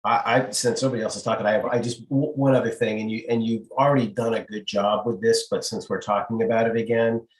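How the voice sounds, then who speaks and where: A man on a town board asking polite, measured questions at a public meeting. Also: lowish voice, little pitch movement, roomy sound, poor audio.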